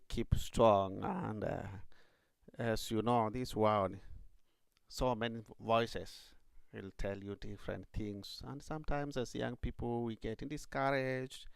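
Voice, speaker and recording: A man's voice: medium pitch, creaky, clear, resonant tone, dry recording, clean studio sound. A man who is a priest, speaking earnestly to encourage young people, with many fillers.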